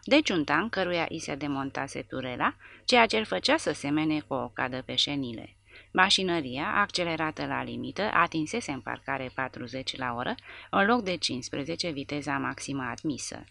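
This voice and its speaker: A woman narrating an audiobook of a war novel in a steady storytelling manner. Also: deep voice, gravelly, no echo.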